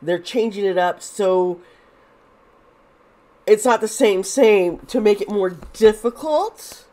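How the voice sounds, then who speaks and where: Congested and losing her voice, a woman gives an informal tarot reading on camera, restarting often and filling gaps with fillers as she rambles. Her fading voice is mellow and medium in pitch, and she talks slowly.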